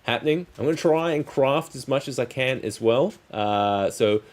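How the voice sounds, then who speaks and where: A man chatting casually on a hobby livestream as its host, rambling in halting, trailing phrases. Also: mid-range voice, lively intonation. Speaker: streamer, crafting channel host. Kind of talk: casual livestream chat while crafting.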